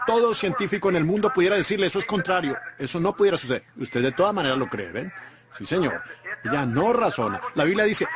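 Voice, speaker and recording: Man, dubbed sermon voice-over, lively rising and falling delivery, congregation noise behind. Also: high-pitched. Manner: emphatic preaching cadence with repeated asides. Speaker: Spanish voice-over reader of a sermon.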